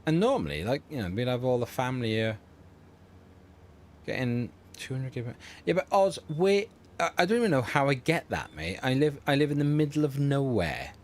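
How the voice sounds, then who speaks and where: With a sing-song, medium-pitched voice at a moderate pace, a middle-aged livestream host chats from home. His talk is loose and easygoing, meandering along and punctuated by frequent laughter.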